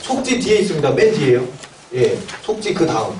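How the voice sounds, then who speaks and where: A man's voice: fairly high pitch, very animated, brisk, darkish tone, a little hiss or hum. A man giving a seminar lecture to academy owners, often asking the audience questions and answering them himself. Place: lecture room. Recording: echoey room, mic at a distance.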